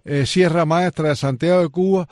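A man hosting a news program, speaking in a measured way with frequent pauses. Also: on the high side, fairly even intonation, darkish tone, dry recording, clean studio sound. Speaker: news show host. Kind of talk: radio news interview.

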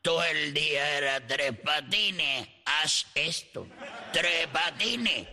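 An actor playing a shameless, slow-witted Cuban swindler in a courtroom farce, evasive and mock-innocent, with a colloquial Cuban accent. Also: male voice, a little high, pushed and bright, exaggerated voice. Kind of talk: broad radio-style courtroom farce. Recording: long hall reverb.

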